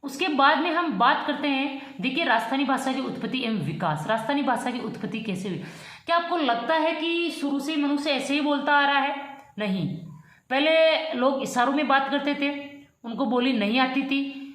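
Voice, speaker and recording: A woman's voice: sits high, normal speed, a bit bright. A woman teaching an exam-prep lesson, posing questions to her students and answering them herself. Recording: very echoey room.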